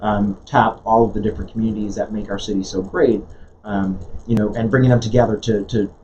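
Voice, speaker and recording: A man's voice: fairly low pitch, little pitch movement, fairly quick, a little mellow. A man born in Jamaica, a guest in an interview, talking earnestly with many restarts and fillers. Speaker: guest, nonprofit leader. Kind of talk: conversational interview. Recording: dull lo-fi sound with faint noise.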